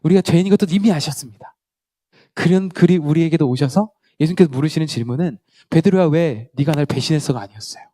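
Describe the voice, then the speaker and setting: Young male preacher, mellow tone, dry sound; animated storyteller shifting from loud to hushed. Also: a little high, fast talker, no room sound. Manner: storytelling, acts out dialogue, swings from loud to quiet. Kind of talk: sermon.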